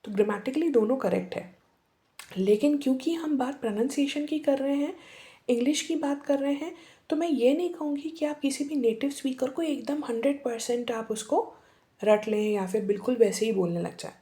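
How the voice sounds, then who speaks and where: A woman's voice: high-pitched, moderate pace, mellow. Woman teaching pronunciation. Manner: mixes English words into the talk, demonstrates accents. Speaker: English teacher. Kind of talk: casual explanatory lesson.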